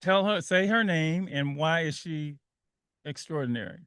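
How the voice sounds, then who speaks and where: High bright-voiced man hosting call-in radio. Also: a little slow, clean tone, dry recording, clean studio sound. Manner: energetic, repeats phrases, laughs easily. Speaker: radio show host. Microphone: studio microphone.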